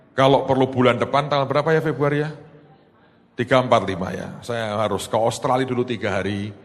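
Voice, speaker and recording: A man preaches in a mid-range voice, telling stories with sudden high, emphatic outbursts. His sermon rings out with the long reverb of a large church hall. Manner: animated storytelling, rising to high exclamations. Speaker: pastor.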